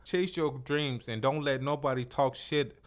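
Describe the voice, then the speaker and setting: A medium-pitched man speaks at a moderate pace while hosting an easygoing interview. His delivery is emphatic and repetitive, heavy on swearing and street slang.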